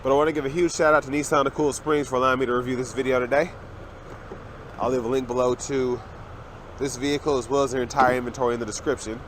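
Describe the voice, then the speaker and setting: A man's voice: medium pitch, little pitch movement, quick pace, a little hiss or hum. A young man, getting over a cold, casually walking around a car and pointing out its features. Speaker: car reviewer. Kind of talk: walkaround car review narration. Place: in and around a parked car outdoors.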